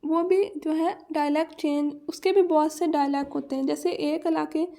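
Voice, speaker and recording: A Pakistani woman teaching a lesson on pronunciation, reading English points slowly and then explaining them in Urdu. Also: sits high, steady tone, dark tone.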